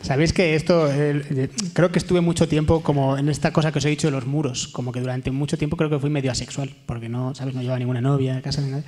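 A young man performing a live stand-up monologue, telling stories with hushed whispers and sudden loud bits. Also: medium pitch, steady tone, fast talker, few pauses, a little hiss or hum. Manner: storytelling, swings between hushed whispers and loud sung bits. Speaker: stand-up comedian. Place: theater stage before a live audience.

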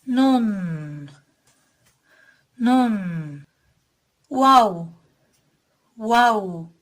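A woman teaching how to pronounce Arabic letters, explaining each sound calmly and repeating every letter twice, loud and drawn out. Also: mid-range voice. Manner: calm explanatory tone, addresses listeners as dear friends. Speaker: Quran reading teacher. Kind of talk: slow, deliberate lesson on letter sounds.

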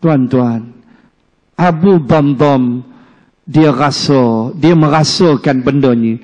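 A male religious teacher, giving an animated, joking storytelling lecture in a mosque. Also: medium pitch, takes it slowly. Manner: animated storyteller, jokes, acts out quoted speech. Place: mosque hall. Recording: reverberant mosque hall.

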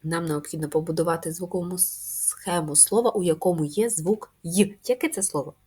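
Woman, first-grade teacher; low, husky voice, patient and slow, stretches each sound. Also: dark tone. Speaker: primary school teacher. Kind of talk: video lesson for first graders.

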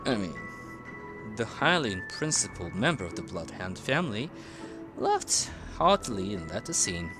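A game streamer with a lowish voice and big pitch swings gives playful, casual gameplay commentary at a moderate pace. He chats, reacts and echoes the characters' lines while video game music plays underneath.

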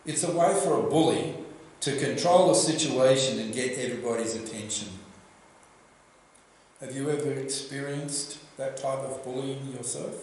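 An older Australian man preaching a sermon at a church lectern, telling the story in a lively way and asking the congregation questions. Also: medium pitch, creaky, a little hiss or hum. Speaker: pastor. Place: church hall with projection screen. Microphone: lectern microphone. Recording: very echoey church room.

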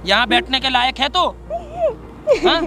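A dismissive, threatening rich young man hurls insults with a very high-pitched voice, as a man acts it out. He sounds arrogant and cold in an outdoor staged street drama. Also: animated, a little slow, over a noisy crowd. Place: outdoor park.

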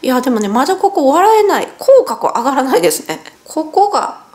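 A chatty Japanese woman in her 40s talks a little fast in an indoor home vlog, her high voice darkish in tone with big pitch swings. Still recovering from nose surgery, she sounds a bit sluggish and strained, winces in pain, and corrects herself as she goes.

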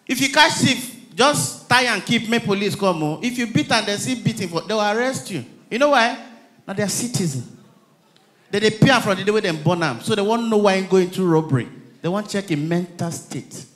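A Nigerian man working a live comedy stage on a handheld mic, telling stories in lively fashion and acting out everyone in them. His voice sits high, with a bright, sharp edge. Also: fairly quick. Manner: lively storytelling, acting out characters. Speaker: stand-up comedian. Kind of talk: stand-up comedy routine.

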